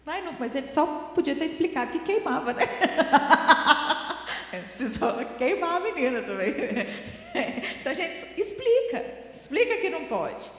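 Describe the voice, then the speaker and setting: High-voiced woman in an echoey hall. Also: sing-song, unhurried. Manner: chatty, laughing, tells home stories. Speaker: parenting talk speaker.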